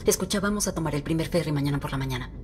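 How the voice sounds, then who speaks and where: A woman's voice: deep voice, racing, slight background noise, close to an everyday voice. An actress in her thirties playing a firm, worried mother in a dubbed film drama. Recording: film soundtrack with loud music behind. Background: loud music.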